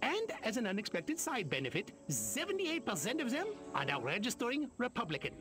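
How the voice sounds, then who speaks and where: An actor playing a scheming German food scientist in a video game, speaking with a thick German accent and a gloating, theatrical manner. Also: male voice, sits high, wildly swooping pitch, brisk, music in the background. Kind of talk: video game cutscene acting.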